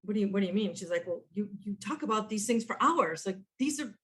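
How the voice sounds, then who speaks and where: A woman in her fifties, a podcast guest telling stories in an animated way, often quoting herself and restarting sentences, over a video call. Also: mid-range voice, fast. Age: 50s. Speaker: guest, author and entrepreneur. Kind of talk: conversational storytelling.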